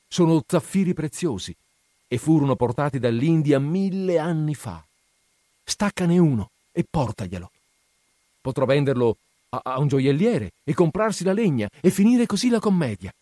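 A man voicing a generous, sorrowful male statue prince in a storybook reading, speaking softly and imploringly. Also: medium pitch, no room sound, studio quality, close to an everyday voice.

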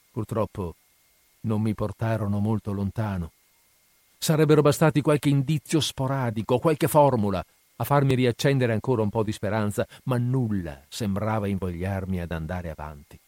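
A man's voice: medium pitch, a little mellow, no echo. Man reading a grim tale, dry. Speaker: narrator. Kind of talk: first-person audiobook narration.

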